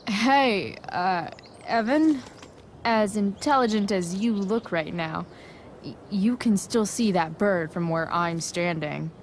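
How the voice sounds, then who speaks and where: A woman's voice: medium pitch, slow pace, slight background noise. A woman playing a sardonic, rebellious teenage girl in a video game, talking in sarcastic, casual slang. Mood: teasing.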